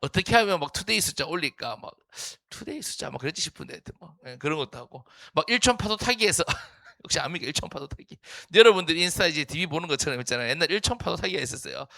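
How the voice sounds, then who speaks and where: A man's voice: fairly high pitch, animated, quick pace, creaky, bright, forceful tone, no echo, studio quality. A man, a youth pastor preaching a playful sermon and teasing the teens by name.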